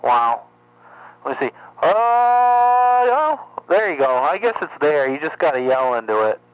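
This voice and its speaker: A man's voice: a little high, big pitch swings, measured pace, smooth. A man chatting casually on the air as a CB radio operator, swearing in passing, his voice coming through slightly mistuned and off frequency. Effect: slightly mistuned radio sound, off frequency. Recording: dull lo-fi radio with faint hum.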